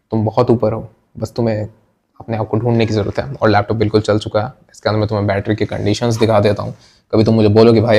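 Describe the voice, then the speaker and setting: A young man talks straight to camera in a blunt, preachy way, dropping crude slang and English phrases. His voice sits at an ordinary middle pitch with a dark, mellow tone. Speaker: tech vlogger. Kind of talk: casual motivational talk to camera.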